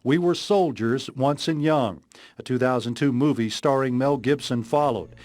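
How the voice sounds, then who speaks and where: A man's voice: mid-range voice, moderate pace, darkish tone, no echo. A man with an American accent narrating a scripted television news report as the reporter.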